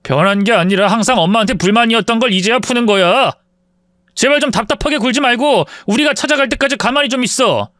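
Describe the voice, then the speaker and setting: Male reader doing a curt young husband, high, dry close read. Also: fast talker, fairly bright tone, dry recording. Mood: irritated. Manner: snappish, impatient. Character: irritable young married son, curt.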